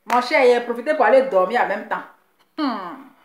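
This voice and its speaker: High-voiced mocking woman host. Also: animated, normal speed, roomy sound. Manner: teasing, sing-song mockery, repeats phrases. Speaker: live show host. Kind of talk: mocking live commentary.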